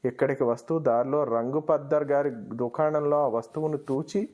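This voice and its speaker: A man's voice: a little high, fairly even intonation, normal speed, darkish tone, close to an everyday voice. A man doing a revered old sage in a storybook tale, kindly yet stern, with a commanding, knowing way of speaking. The recording sounds dull and lo-fi.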